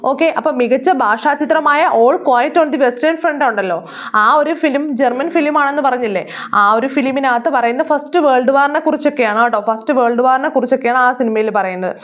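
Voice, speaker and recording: A somewhat high-voiced woman runs a casual exam-prep lesson. She poses a question, answers it herself and repeats the answer again and again, with plenty of fillers and small restarts along the way. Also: normal speed. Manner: repeats answers, asks and answers her own questions, many fillers.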